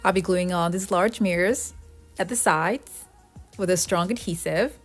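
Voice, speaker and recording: Over background music, a woman with a fairly low voice narrates a craft tutorial at a measured pace. Her scripted DIY voice-over explains each step in turn.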